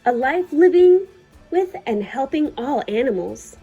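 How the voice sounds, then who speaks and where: Female storytime reader, high and very melodic, soft-toned, deliberate phrasing, faint music underneath. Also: animated, dull audio. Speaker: librarian reading a picture book aloud. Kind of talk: children's storytime read-aloud.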